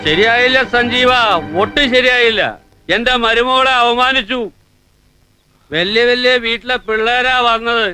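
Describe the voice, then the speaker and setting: A blustering drunken uncle. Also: male voice, extremely high pitch, steady tone, unhurried, pushed and bright, soft background music, exaggerated voice. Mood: indignant. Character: hard-drinking proud older uncle, blustering. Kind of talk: film dialogue.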